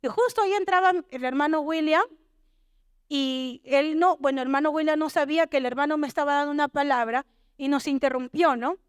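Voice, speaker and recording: A high-pitched woman delivers a testimony sermon in an animated storytelling way. She slips into the voices of the people she quotes. Her voice sounds close and dry, with no room echo. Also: brisk. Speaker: church sister giving testimony.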